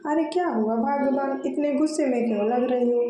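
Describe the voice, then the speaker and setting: A woman's voice: sits high, normal speed, warm tone, a little hiss or hum, natural voice. A woman voicing a middle-aged father who teases his wife in a playful, easygoing way. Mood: teasing. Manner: teasing, playful.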